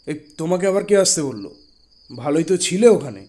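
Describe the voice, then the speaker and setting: Brief: male actor as an evasive, short-tempered husband, raised pitch, mellow timbre. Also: very animated, fast. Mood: irritated. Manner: curt, brushing off questions. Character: irritable secretive husband, middle-aged man. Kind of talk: Bengali audio drama acting.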